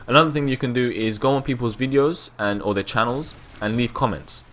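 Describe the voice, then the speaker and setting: A man's voice: medium pitch, a little fast, fairly bright tone, a little hiss or hum. A young man from London with a London accent, giving casual gameplay commentary, rambling and repeating himself with the odd swear word. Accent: London English.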